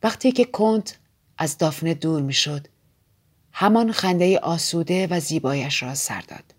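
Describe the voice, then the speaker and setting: Calm female audiobook narrator, breathy and measured. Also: low voice.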